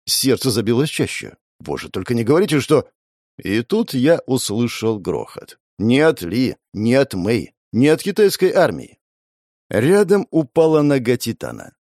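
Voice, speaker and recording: A man narrates a first-person fantasy novel with a lively, swinging delivery. He leans into the dramatic moments and voices the characters' shouts. The sound is dry and close, with no room at all. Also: mid-range voice, normal speed, no echo. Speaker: audiobook reader.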